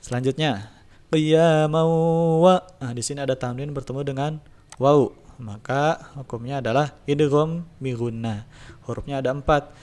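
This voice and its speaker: A man teaching a tajwid lesson, in a relaxed explaining voice, slowly drawing out recitation examples. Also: mid-range voice. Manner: slow drawn-out recitation demos between relaxed explanations. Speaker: religion teacher.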